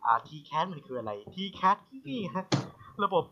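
A man's voice: high voice, lively intonation, slow pace. A young man hosting a casual podcast chat, joking and hesitant, with many fillers. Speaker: podcast host. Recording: lo-fi with faint noise.

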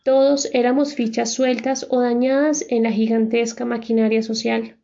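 A woman reads first-person audiobook narration in a measured, reflective manner. Her voice is fairly high but mellow. The recording sounds dull and lo-fi. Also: level tone, gravelly.

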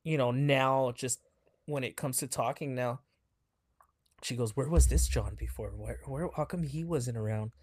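A man's voice: mid-range voice, unhurried, dry recording. A man in his thirties co-hosting a podcast in casual chat, rambling and laughing often. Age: 30s. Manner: rambling, laughs often, quotes others in a hushed voice. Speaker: podcast co-host.

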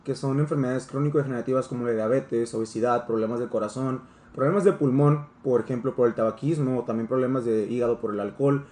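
A man's voice: medium pitch, fairly even intonation, fast talker, dark tone, reverberant. A young man with a Mexican accent hosting a casual discussion, explaining things in a joking way. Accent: Mexican Spanish. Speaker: host.

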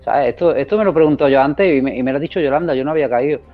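Guy hosting a chat, rambly and hyped, mid pitch, muffled lo-fi sound. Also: racing, faint music behind. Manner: excited, rambling, repeats himself often. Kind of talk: casual chat. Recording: dull lo-fi recording.

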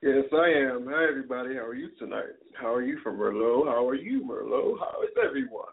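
A man's voice: medium pitch, expressive, brisk, creaky. A man hosting a call-in talk show, ranting in a profane, rambling way with many fillers. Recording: tinny phone line.

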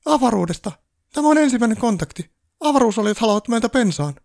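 A man voicing a panicky little Christmas elf who shrieks in a frantic high voice. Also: lively intonation, creaky, darkish tone, exaggerated voice. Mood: panicked.

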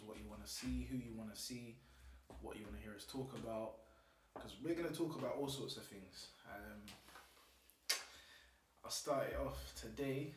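A man's voice: mid-range voice, far from the mic, background noise. London roadman guy, roomy off-mic recording. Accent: London roadman, multicultural London English. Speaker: podcast host. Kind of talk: casual podcast banter in street slang.

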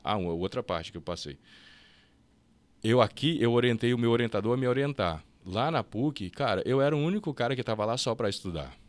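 Fast-talking Brazilian man, dry close mic. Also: medium pitch, no room sound. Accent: Brazilian Portuguese. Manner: lively, fast storytelling with quick restarts and mimicked dialogue. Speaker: podcast guest. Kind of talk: casual storytelling interview.

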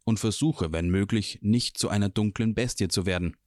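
Guy doing a big grumpy warrior dude, low and curt, fantasy audiobook. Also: moderate pace, darkish tone, dry recording, studio quality, natural voice. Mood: gruff. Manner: gruff, curt delivery. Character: big gruff male warrior, blunt and grumbling.

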